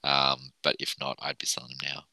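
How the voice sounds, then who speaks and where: An Australian man hosts a casual sports podcast. His voice is extremely deep with a hard, bright, forceful edge. He talks in an informal, blokey way, and the sound is close and dry. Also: completely flat delivery, fairly quick, creaky, dry recording. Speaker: podcast host.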